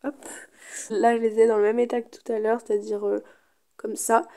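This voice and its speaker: A woman's voice: a little high, level tone, normal speed, gravelly, warm tone. A woman giving casual, chatty gameplay commentary, thinking aloud as she goes. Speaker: gaming video creator.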